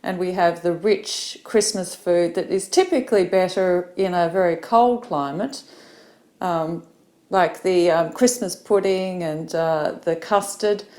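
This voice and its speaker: A woman's voice: fairly low pitch, a little slow, darkish tone. A middle-aged Australian woman, an English teacher, giving a practice speaking talk with many fillers.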